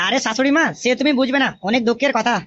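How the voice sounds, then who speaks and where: A woman voicing a hot-tempered, foul-mouthed young male son-in-law in a cartoon, grumbling and cursing rapidly. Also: sits high, steady tone, a bit bright, slight background noise. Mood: complaining. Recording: dull lo-fi audio.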